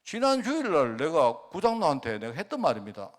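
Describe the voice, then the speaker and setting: Animated Gyeongsang pastor preaching. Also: male voice, on the high side, fairly quick. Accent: Gyeongsang Korean. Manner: storytelling, rhetorical questions, animated. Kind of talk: sermon.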